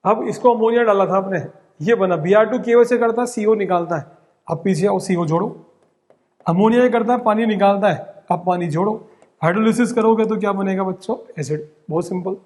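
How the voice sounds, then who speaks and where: A young man with a high voice, runs through exam-prep chemistry rapidly and keeps checking in with his students. His voice carries a long reverb, as if lecturing in a large hall. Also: a little mellow. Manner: rapid, drilling, repeats "ठीक" and "बहुत simple". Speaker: chemistry teacher.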